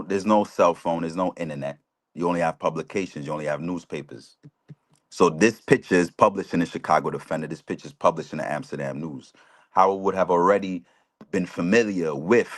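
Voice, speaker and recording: Man, 40s, very deep voice, earnest lecturer, keeps checking in with listeners. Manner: earnest, lecturing, asks listeners "right?" often. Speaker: guest speaker, chaplain. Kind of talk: live talk show history explanation.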